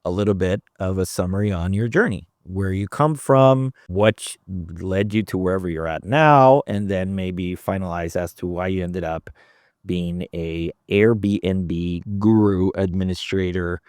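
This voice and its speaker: Co-host, man with a low voice, blunt and jokey, dry close mic. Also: measured pace, darkish tone, no echo. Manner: blunt, joking, profane. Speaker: podcast co-host. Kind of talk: casual podcast chat. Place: house in Texas Hill Country.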